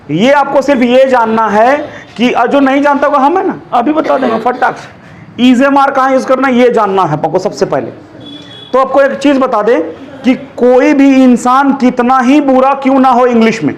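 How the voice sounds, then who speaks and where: A man teaching an English grammar class in a classroom, in a chatty, joking way, often checking whether the students follow. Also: very high-pitched. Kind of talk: classroom lesson.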